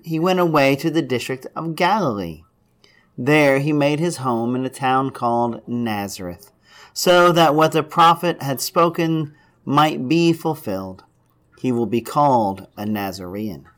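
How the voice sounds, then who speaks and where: A man preaching at a pulpit microphone, chatty and relaxed in his delivery, with joking asides and self-corrections. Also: medium pitch, a little slow. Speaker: priest. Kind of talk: sermon.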